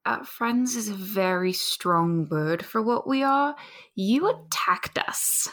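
A man's voice: high-pitched, lively intonation, slow, a bit bright, voice pushed up, full character voice. A man voicing a prickly shadowy party member who makes dry, cutting remarks.

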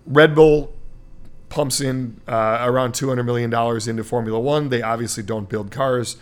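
A man's voice: medium pitch, steady tone, normal speed. Chatty male sports podcast host. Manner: explains at length with many fillers. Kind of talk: casual sports chat.

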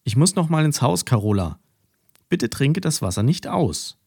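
Give me a man playing a cheerful little farm girl in a storybook, bouncy and animated. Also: mid-range voice, moderate pace, gravelly, slightly rough, dry recording, clean studio sound, pitched above the performer's own voice, heavily acted. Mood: pleading. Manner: lively, scolding, pleading. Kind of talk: children's audiobook acting.

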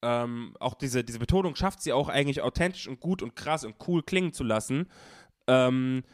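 A man's voice: mid-range voice, lively intonation, moderate pace. A man in casual chat about a rap song, talking in slang with stammers and blunt teasing. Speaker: podcast host who edits the show. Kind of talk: casual music review chat.

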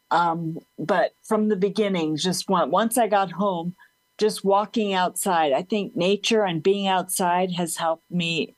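Here a support group leader, voice on the lower side, is an interview guest chatting casually and openly. A slight slur runs through her speech and she laughs often, in a rough, dry recording.

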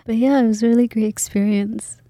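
A woman's voice: on the high side, fairly even intonation, fairly quick, mellow, no room sound, studio quality. A woman in her twenties from Kenya, a graduate student talking in a casual interview, hesitant with many fillers and restarts.

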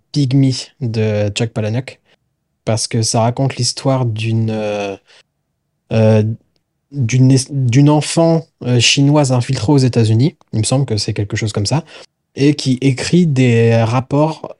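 Mellow, dry-voiced French man chatting. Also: medium pitch, dry recording. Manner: rambling, searches for words, swears casually. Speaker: podcast co-host. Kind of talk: casual chat about books.

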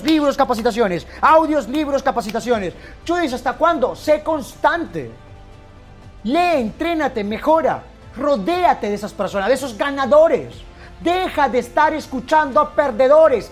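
A man giving an impassioned motivational speech, swinging between loud bursts and hushed, intense lines. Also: very high voice. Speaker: motivational speaker.

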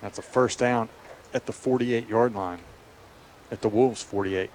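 A man's voice: mid-range voice, fairly even intonation, unhurried, darkish tone. A man doing live play-by-play radio commentary on American football. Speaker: play-by-play sports announcer. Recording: clear outdoor stadium background noise.

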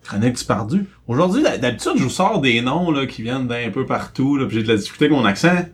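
A man with a Quebec French accent co-hosting a casual podcast, telling a story with rising questions and quick asides. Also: mid-range voice, very animated. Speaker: co-host.

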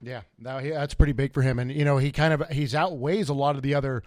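A man's voice: medium pitch, steady tone, fast talker, a little mellow, no echo, clean studio sound. A man co-hosting a casual sports podcast, talking loosely with lots of restarts. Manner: loose, rambling, many restarts. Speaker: podcast co-host.

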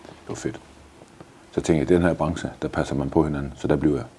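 A man's voice: rumbling low, fairly even intonation, dark tone, a little hiss or hum. A man in his fifties answering interview questions in a blunt, enthusiastic way, swearing freely. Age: 50s. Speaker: guest.

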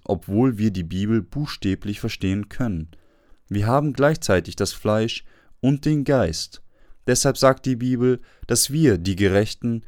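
Man, sermon reading, fairly deep voice, even delivery, rhetorical questions, dry recording. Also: no echo. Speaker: preacher. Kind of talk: read-aloud sermon on a Bible verse.

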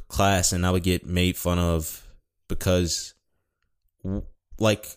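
A young man talking casually and rambling, swearing often and correcting himself, with a mild speech impediment. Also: low-pitched. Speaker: podcast host. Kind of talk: casual solo talk.

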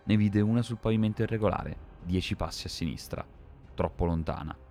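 A man reading a dark fantasy story aloud in a measured, dramatic scripted narration. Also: fairly low pitch, creaky, faint music behind.

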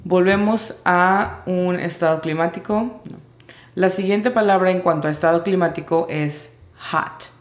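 A woman teaching English vocabulary in Spanish, spelling out each word's sounds slowly and carefully. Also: fairly low pitch, reverberant. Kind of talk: vocabulary lesson.

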